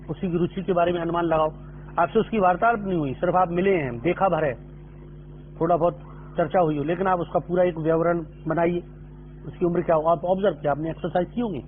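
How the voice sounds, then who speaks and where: A middle-aged man lectures on acting in a patient, explaining way, dropping English terms into his talk. His voice sits high for a man. The sound is narrow and phone-like, with a faint hum behind it. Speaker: drama lecturer. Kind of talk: spoken lecture. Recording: tinny phone-line audio with faint hum.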